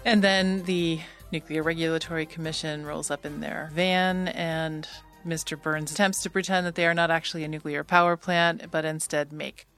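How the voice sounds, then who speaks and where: A woman's voice: sits low, steady tone, normal speed, fairly bright tone, faint music behind. A woman, a patent attorney, chatting as a guest and retelling a cartoon episode with an amused, laughing manner. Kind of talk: casual interview chat.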